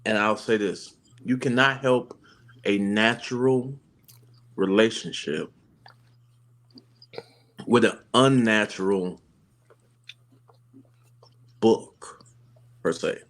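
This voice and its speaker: A man in a casual relationship talk with a somewhat low voice. He speaks slowly and reflectively, pausing and restarting as he thinks aloud. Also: a bit bright. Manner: reflective, halting with fillers and restarts. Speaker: co-host of a relationship channel.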